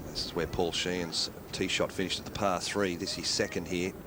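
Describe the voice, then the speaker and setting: A man's voice: sits low, little pitch movement, normal speed. A man doing live golf commentary in short descriptive phrases. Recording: loud outdoor broadcast background noise.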